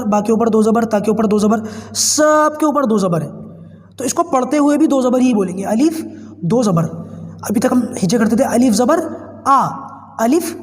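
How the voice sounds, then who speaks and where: A man's voice: very high voice, darkish tone, long reverb tail. A man teaching Quran reading in an online class, patiently spelling out drills, with a cold and a cough, speaking with a Pakistani Urdu accent.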